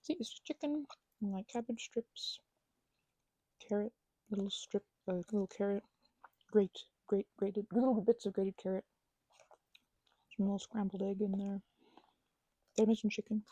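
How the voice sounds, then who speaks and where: A woman acting as the listener's roommate in an ASMR roleplay rambles hesitantly close to the microphone, with lots of fillers, stammered restarts and occasional soft whispers. Her medium-pitched voice keeps a measured pace and pauses often. The recording is dry and low in quality.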